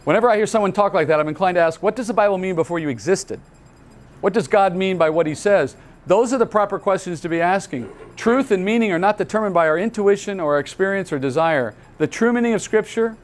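A male pastor giving a Bible teaching at a conference, explaining earnestly step by step and asking rhetorical questions. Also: high-pitched. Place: conference hall.

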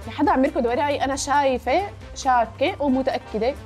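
A woman's voice: high voice, fast talker, darkish tone. A young woman commentating a horror game, dramatic, shrieking and muttering oaths as she plays. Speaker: gaming YouTuber. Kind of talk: excitable let's-play commentary. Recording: game music behind.

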